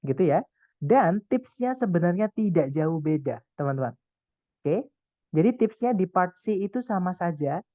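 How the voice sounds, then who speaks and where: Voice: mid-range voice, lively intonation, moderate pace, dark tone, dry recording. A tutor giving a casual, encouraging online lesson, with many fillers and English phrases mixed in. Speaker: English test prep tutor. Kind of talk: online class lecture. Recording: tinny phone-like, dry sound.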